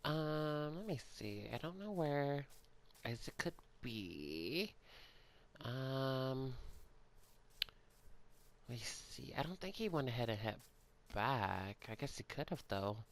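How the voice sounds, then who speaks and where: A man at a middle pitch for his sex, talking his way through an in-character game role-play. He sounds sleepy and yawns now and then, speaking softly and hesitantly and filling gaps with ums and sighs. Casual and unscripted. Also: big pitch swings, slow pace, pauses often. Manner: hesitant and soft-spoken, many ums and sighs. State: yawning, sleepy. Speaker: gaming channel creator.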